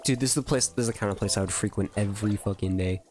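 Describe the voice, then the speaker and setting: A man streaming a video game, talking casually and excitedly, swearing and saying bro. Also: fairly low pitch, very fast, soft background music. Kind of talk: casual gaming commentary.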